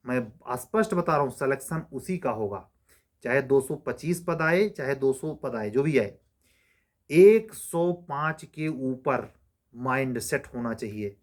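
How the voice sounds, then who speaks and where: A male law exam coach lectures his students, mid-pitched and insistent. He scolds and exhorts, firing one rhetorical question after another. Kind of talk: motivational lecture to exam aspirants.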